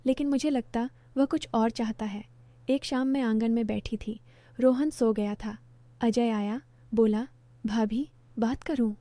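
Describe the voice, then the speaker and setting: A woman tells a first-person story in a calm, measured way, her voice fairly high yet mellow. The sound is dry and close, with no room around it. Her delivery stays reflective throughout. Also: dry recording.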